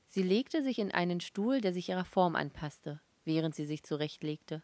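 A woman reading a novel aloud as an audiobook, in a calm, measured storytelling voice. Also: on the low side, dry recording. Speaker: audiobook reader. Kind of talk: scripted narration.

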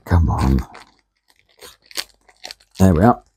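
A man's voice: low voice, animated, extremely slow, darkish tone, slight background noise. A man hosting a model engineering workshop show, chatting viewers through each step as he works at his machines. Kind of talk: casual workshop demonstration. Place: home workshop, indoors. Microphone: camera on a tripod.

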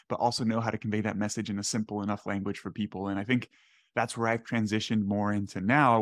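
Fast-talking man with a low voice. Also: no room sound. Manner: quick, searching for words mid-sentence. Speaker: podcast host. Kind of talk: casual interview chat. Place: small room at home. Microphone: desk studio mic.

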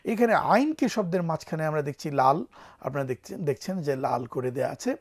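A woman teaching Quran reading on a TV program, sounding out Arabic letters loudly and asking viewers to repeat after her. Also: low-pitched, expressive, brisk, slightly rough. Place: TV studio.

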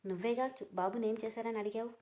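A woman's voice: on the high side, fast, mellow, natural voice. A woman voicing a male gang leader who gloats and mocks a crying mother. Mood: gloating. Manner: mocking, gloating.

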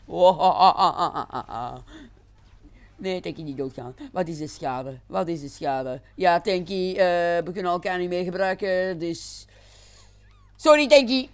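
A man giving excitable let's-play commentary, exclaiming and laughing often. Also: fairly high pitch, moderate pace, smooth. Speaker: gaming channel host.

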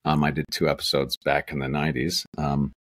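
This middle-aged actor has a bass voice that stays level, moves a little fast, and sounds fairly bright. Chatting as a guest in a casual interview over a video call from a small room at home, he tells meandering stories full of restarts and asides, picked up by his webcam.

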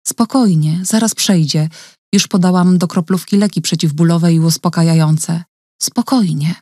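A woman voicing a gentle, caring woman who speaks softly and calmly in an audiobook reading. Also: fairly low pitch, moderate pace, no echo, studio quality, natural voice. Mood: soothing. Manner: soft, calm, reassuring.

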